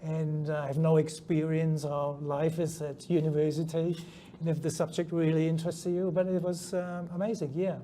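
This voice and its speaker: Interviewed at a conference, a middle-aged man of German birth with a New Zealand accent gives halting answers full of ums and restarts. His voice is a little high and warm, with little pitch movement and normal speed; faint conference noise sits in the background.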